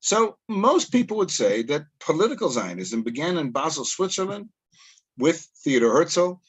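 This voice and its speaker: A man's voice: fairly high pitch, sing-song, moderate pace, slightly rough, rough recording. Middle-aged guy from canada giving a webinar history talk, chatty, asks the audience questions, video call sound. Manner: chatty, self-deprecating, asks rhetorical questions. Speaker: tour guide and educator. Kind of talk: lecture over webinar.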